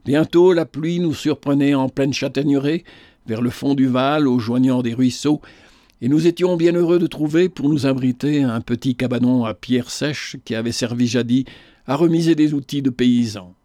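A man reading a literary novel aloud in the first person, in a measured, unhurried manner. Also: medium pitch, mellow, no echo, clean studio sound. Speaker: narrator.

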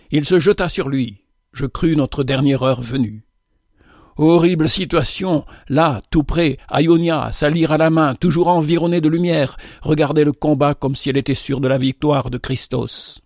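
A man's voice: fairly high pitch, a little mellow, no echo. Man narrating a story in a dry, close voice. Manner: measured, dramatic storytelling. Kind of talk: literary audiobook narration.

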